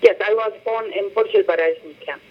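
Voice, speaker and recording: This is the director of a humanitarian organization, a middle-aged woman from Lebanon whose native tongue is Arabic, interviewed in English by phone. The line sounds muffled, her voice sits in the mid range, and she hesitates, frequently repeating words while hunting for the right phrasing.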